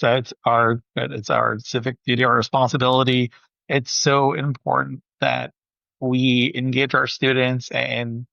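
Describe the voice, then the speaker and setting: A man's voice: mid-range voice, gravelly, bright, forceful tone, no echo. A man hosting a teacher podcast, talking earnestly and a little ramblingly, doubling back on his words. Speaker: podcast host. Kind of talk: interview podcast conversation. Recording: dry, slightly dull podcast audio.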